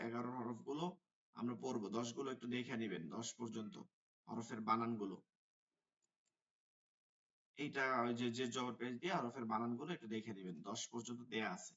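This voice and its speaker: A man's voice: mid-range voice, fairly bright tone. A man teaching an online Quran class, chanting syllable drills over and over. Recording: muffled, distant online class audio.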